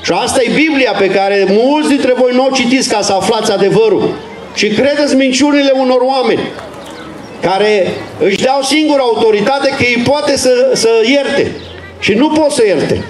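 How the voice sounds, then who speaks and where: A male street evangelist preaches an earnest, urgent open-air sermon. His voice sits high. The recording has a noticeable echo.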